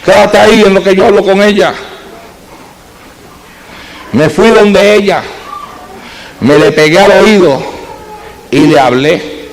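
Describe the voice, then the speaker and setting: A male pastor with a notably high voice preaches a sermon in storytelling fashion. He moves between hushed, close passages and fervent, raised exhortations. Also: unhurried, creaky, pauses often, crowd noise, poor audio.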